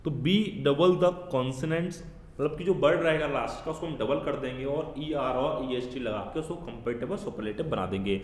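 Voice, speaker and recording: A man teaches grammar to young pupils in a patient, fatherly way, with an Indian English accent. He slows down to read the English rules aloud word by word. His voice rings in a bare room with a long echo. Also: mid-range voice. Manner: addresses pupils as children, fatherly. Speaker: school teacher. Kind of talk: recorded grammar lesson. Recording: echoey room with long reverb.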